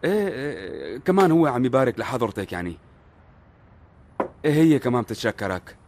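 A man's voice: mid-range voice, big pitch swings, quick pace, darkish tone, a little hiss or hum, natural voice. A man playing a flustered Syrian divorced father. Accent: Syrian Arabic. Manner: flustered, talks over others and protests. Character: fretful divorced father, defensive and excitable.

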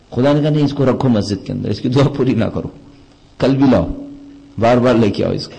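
A man preaching a religious sermon. He poses questions to his listeners and tells stories, rising to high emphatic lines and then dropping low and soft. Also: rough recording. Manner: storytelling with questions to the audience.

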